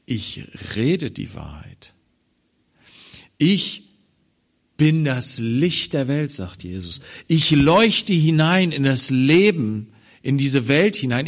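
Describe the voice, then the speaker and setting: A man preaching a sermon on a Bible passage, swinging from loud emphatic phrases to quiet low ones. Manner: slow, deliberate delivery.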